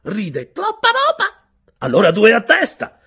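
A man voicing a Siberian prisoner recounting an old anecdote in a loud, expressive whisper, chuckling as he goes. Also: high-pitched, measured pace, creaky, breathy edge, voice pushed up, heavily acted. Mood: amused. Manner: whispering loudly, chuckling storyteller. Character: male Siberian prisoner telling a funny memory.

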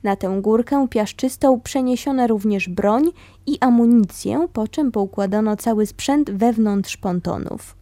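Woman calmly reading a memoir. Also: on the high side, measured pace, few pauses, no echo. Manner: calm, steady storytelling. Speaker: reader of a memoir.

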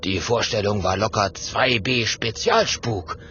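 A man's voice: lowish voice, a little slow, pushed and bright. A man voicing a teasing male badger in a children's audiobook, matter-of-fact. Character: cheeky male badger, dry. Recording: dull audio with faint music.

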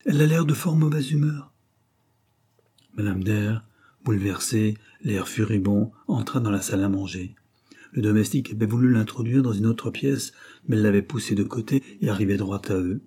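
A man narrating an audiobook in a steady, even reading manner. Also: lowish voice, a little fast, slightly rough. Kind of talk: scripted narration.

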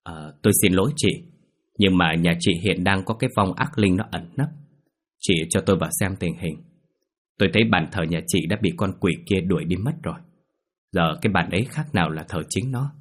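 A man voicing a grave older exorcist who gives solemn, ominous warnings in a low, husky voice. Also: fairly quick.

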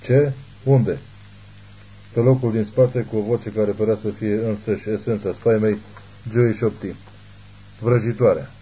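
A man narrating an audiobook in a steady, measured reading. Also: fairly low pitch, breathy edge, low-quality recording. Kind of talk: scripted narration.

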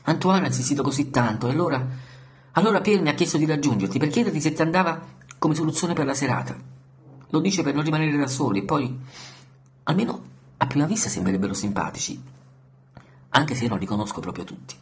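A man voicing an eager, friendly young man, lively and coaxing. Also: fairly high pitch, quick pace, lightly acted.

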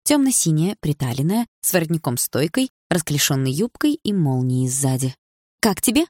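A woman reading an audiobook in steady, even storytelling narration. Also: low-pitched, moderate pace, dry recording, studio quality. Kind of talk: scripted narration.

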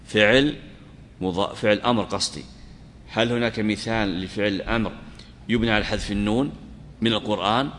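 A middle-aged man teaching a grammar lesson to students, asking them questions, repeating key words and stressing examples loudly. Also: lowish voice, a little fast, pauses often, slight background noise. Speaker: sheikh teaching Arabic grammar. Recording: long reverb of a lecture hall.

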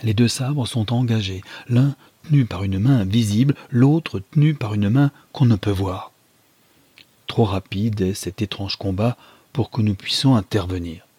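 A man reading a novel aloud as a dramatic first-person narration, measured and gripping. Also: on the low side, dark tone, husky, no echo. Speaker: audiobook reader.

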